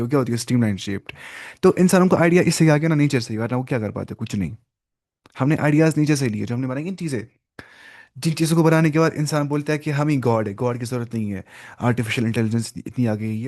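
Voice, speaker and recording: A man in the middle of his usual pitch teaches an online Arabic lesson at a quick clip. He keeps putting questions to his learners as he explains. The sound is dry and close, with no room echo. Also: darkish tone. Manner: fast-talking, mixes in English, asks learners questions. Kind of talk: online language lesson in Hindi-Urdu.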